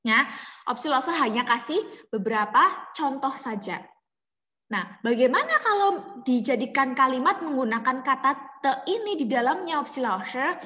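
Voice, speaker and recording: A woman teaching a Mandarin class online, explaining slowly and closing phrases with little tag words. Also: sits high, big pitch swings, pushed and bright. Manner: explains slowly, mixing languages, ends phrases with "ya" and "gitu". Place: home room on a video call. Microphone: laptop mic on a video call. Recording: roomy lo-fi video call audio.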